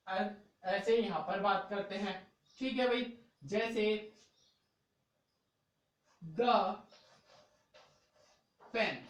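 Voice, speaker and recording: In an English grammar video lesson done classroom-style, a man speaks with patience and repetition, regularly closing phrases with "okay" or "brother" to check in. The extremely high, fairly bright voice comes from a distance, off mic, in a very echoey room.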